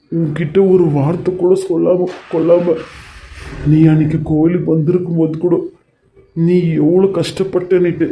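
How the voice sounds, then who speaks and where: A man voicing a devoted husband and father-to-be in an animated serial, emotional and reassuring. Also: a little high, a little hiss or hum, lightly acted. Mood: soothing. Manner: emotional, reassuring, talks in long rushes. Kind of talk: cartoon serial voice acting. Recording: dull lo-fi audio with faint music.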